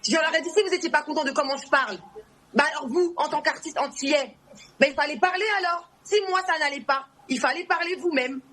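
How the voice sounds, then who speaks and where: A woman's voice: sits high, fairly quick, fairly bright tone. A woman in her twenties from Guadeloupe and Morocco, a reality TV personality who speaks bluntly and outspokenly as a guest. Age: 20s.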